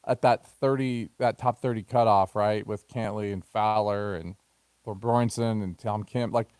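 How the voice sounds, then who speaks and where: A man co-hosting a golf talk show, chatting in a relaxed, rambling way full of fillers. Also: fairly low pitch, measured pace, clean tone, no room sound. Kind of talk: casual sports talk show chat.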